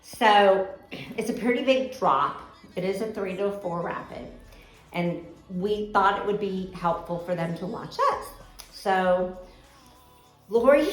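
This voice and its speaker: A woman telling funny stories about a friend in a casual, animated way, laughing as she goes. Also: medium pitch, echoey room, poor audio. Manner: animated, laughs while telling, shrieks to act out others. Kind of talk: casual storytelling.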